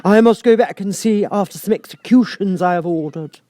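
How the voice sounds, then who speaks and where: A man voicing a savage, bossy storybook Queen who shouts orders in a drawn-out, imperious way. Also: sits high, no echo, pitched above the performer's own voice, close to an everyday voice. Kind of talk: storybook character voice.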